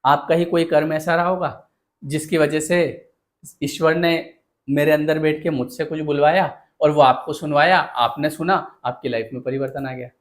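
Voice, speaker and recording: A man's voice: on the high side, steady tone, moderate pace. Earnest man giving a motivational talk. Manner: earnest, asks rhetorical questions and addresses listeners directly. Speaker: motivational speaker and counsellor.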